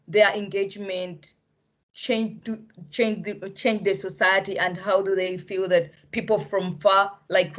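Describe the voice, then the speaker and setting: African-accented woman speaking in earnest. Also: mid-range voice. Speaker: participant in an online arts event discussion. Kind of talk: spontaneous spoken reflection.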